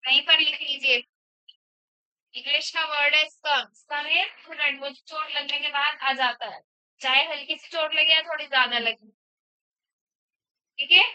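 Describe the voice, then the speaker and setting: A woman's voice: high voice, fairly even intonation, unhurried, long pauses, bright, forceful tone, dry recording. A woman biology teacher lecturing in a classroom, asking the class questions and repeating their answers back, in a dull lo-fi recording. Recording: dull lo-fi sound.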